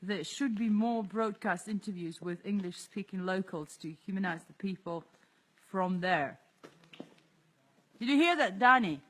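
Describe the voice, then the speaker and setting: Soft-spoken livestream host outdoors. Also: male voice, high-pitched, measured pace. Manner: soft-spoken, reflective, laughs often. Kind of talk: casual livestream vlog. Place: outdoors in an abandoned area.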